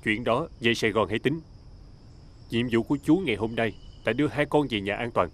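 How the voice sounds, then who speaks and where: A man's voice: mid-range voice, brisk, lightly acted. A man plays a stern, no-nonsense man in a TV drama, sent to bring a stubborn boy home. He speaks, with a firm, urging tone and a mid-range voice. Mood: insistent. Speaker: family's driver or helper. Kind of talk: TV drama acting.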